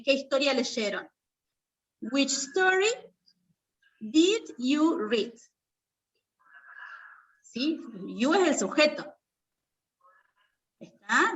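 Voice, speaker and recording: Slow, high-voiced teacher. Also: female voice, sharp tone, distant mic, rough recording. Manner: patient, repeats checks like "¿sí?" and "¿está?". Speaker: English teacher. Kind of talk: online class explanation.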